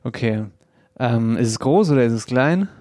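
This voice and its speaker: A man hosting a podcast, joking in quick banter and often restarting his sentences. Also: mid-range voice, expressive, warm tone. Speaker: podcast host. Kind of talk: casual chat.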